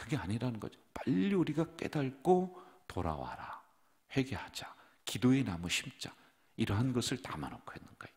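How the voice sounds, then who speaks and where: Brief: male pastor, low voice with lively swings, dawn prayer sermon in a church, chatty, puts questions to the flock. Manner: conversational, asks the congregation questions; acts out parents' scolding lines. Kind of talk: early morning prayer sermon.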